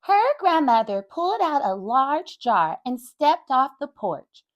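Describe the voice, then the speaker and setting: An animated woman reads a children's storybook aloud, speaking straight to her young audience. Her voice sits high and moves through a wide, lively pitch range. She sounds warm and expressive, like a children's storyteller. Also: takes it slowly, lo-fi sound. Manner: animated, talks to young listeners.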